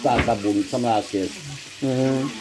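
A man's voice: medium pitch, steady tone, slow, crowd noise, poor audio. A man vlogger chatting to his viewers about the food while his mouth is full of food. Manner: chatty, addresses viewers directly. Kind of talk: casual food-tasting commentary to viewers.

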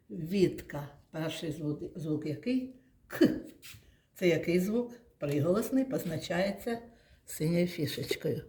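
A woman teaching young children, slowly and patiently sounding out words and praising them. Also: on the low side, dark tone. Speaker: kindergarten teacher. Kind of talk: classroom lesson for young children. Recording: echoey room.

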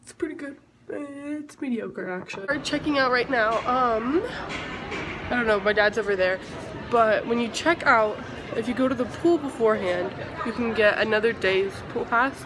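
A woman's voice: a little high, normal speed. A woman vlogging casually on a handheld camera, rambling and joking at herself as she walks through public places. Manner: rambling, jokey, self-mocking. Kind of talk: casual vlog chat. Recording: busy crowd and street noise.

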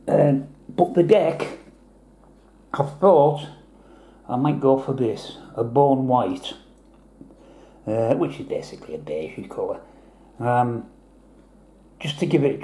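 A man's voice: mid-range voice, mellow, echoey room. A man giving a chatty, rambling hobby tutorial, explaining each step as he goes. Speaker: model painter. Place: indoor hobby desk.

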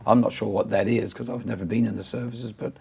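A man's voice: on the low side, steady tone, fast talker, gravelly, warm tone, breathy edge. A man hosting a studio interview, chatty and prompting, often finishing his guests' sentences. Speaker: talk show host. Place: small TV studio set.

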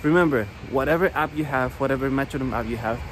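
A saxophone teacher in his thirties talks fast in a medium-pitched, slightly bright voice, with a bit of hiss or hum in the audio. Walking through the rain with his phone at arm's length, he keeps the casual lesson upbeat and chatty, often adding "okay?"

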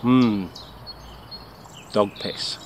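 His voice is lowish and extremely slow. A middle-aged English bushcraft vlogger, he jokes casually while showing gear at a woodland camp and asks himself questions before answering. An action camera on his chest or tripod picks up birdsong and faint outdoor noise too.

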